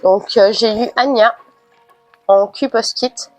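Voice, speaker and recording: A woman's voice: fairly high pitch, steady tone, takes it slowly, a little mellow, soft background music. Nasal woman with a cold, chatty. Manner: chatty, hesitant with many fillers. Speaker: unboxing vlogger. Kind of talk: casual unboxing chat.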